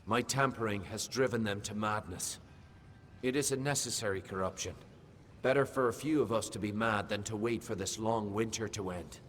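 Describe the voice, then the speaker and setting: An actor playing a calm, coldly menacing male fey lord in a video game, speaking in a measured, quietly threatening way. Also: lowish voice, slight background noise, lightly acted. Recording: long reverb with game music behind.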